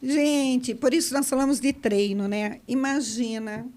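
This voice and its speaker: A middle-aged woman hosting a casual podcast, teaching public speaking in an expressive way and gesturing a lot as she talks. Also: high-pitched, a little slow.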